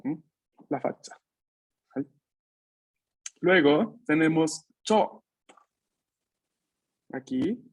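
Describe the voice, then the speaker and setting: A man's voice: on the high side, lively intonation, extremely slow, pauses often. Patient male language teacher on video call. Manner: patient, checks in often with questions; drills students with repeat-after-me. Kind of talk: online Italian lesson for Spanish speakers. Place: home.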